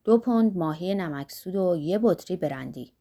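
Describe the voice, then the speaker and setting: A woman's voice: on the low side, expressive, dark tone, voice pushed down. A woman voicing a wild-eyed, half-mad male monk who rants and pleads fervently, in an audiobook. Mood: aggrieved.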